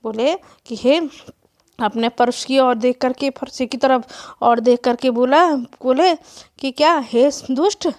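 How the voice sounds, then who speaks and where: Slow high-voiced woman teacher chanting verse. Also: steady tone, a little mellow. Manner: slow, rhythmic chanting of verse, then explaining line by line. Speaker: Hindi teacher. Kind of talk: chanted verse recitation and explanation for students.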